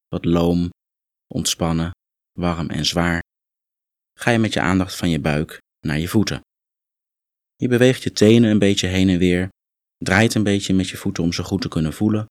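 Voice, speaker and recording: A man guiding a muscle relaxation meditation, calm and instructive, gently coaxing the listener along. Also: deep voice, moderate pace, no room sound, clean studio sound. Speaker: relaxation exercise guide.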